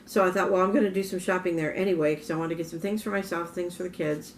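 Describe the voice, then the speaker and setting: Minnesota lady vlogging, kinda low voice w/ morning rasp, rambles n corrects herself, faint hiss behind. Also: fairly even intonation, fast talker. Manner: rambling, self-correcting storyteller. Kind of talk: casual talking-head vlog.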